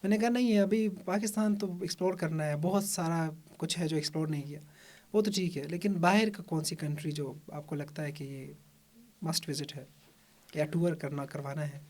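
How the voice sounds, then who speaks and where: A man's voice: fairly high pitch, steady tone, a little mellow. A man hosting a casual podcast interview, chatty and mixing English words into his questions. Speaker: podcast host.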